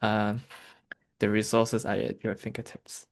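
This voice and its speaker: A man's voice: fairly low pitch, completely flat delivery, unhurried, creaky. A man from Malaysia, a therapist, telling his story in a candid interview with an easygoing manner. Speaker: therapist sharing his experience.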